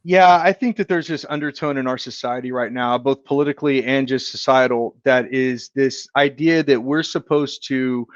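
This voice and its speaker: An earnest man talks as a guest on a casual podcast. He is reflective and deliberate. The recording sounds a bit dull and dry. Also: medium pitch, no echo. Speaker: podcast guest, insurance agent. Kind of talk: casual chat.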